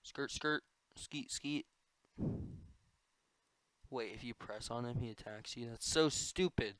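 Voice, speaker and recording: A man's voice: medium pitch, slow, clean tone, no room sound, low-quality recording. Goofy young man commenting on gameplay. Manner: goofy, excitable, prone to sudden yelling. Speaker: gamer.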